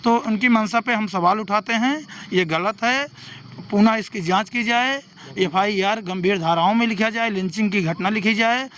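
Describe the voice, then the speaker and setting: A man's voice: high voice, moderate pace, fairly bright tone. A man, an advocate and local candidate, giving a formal statement to a reporter outdoors and demanding action. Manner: formal, demanding, lists legal sections.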